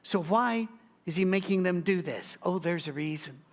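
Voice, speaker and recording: A man's voice: high voice, normal speed. A middle-aged man preaching a sermon, telling stories and slipping in joking asides as he goes through scripture. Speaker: pastor.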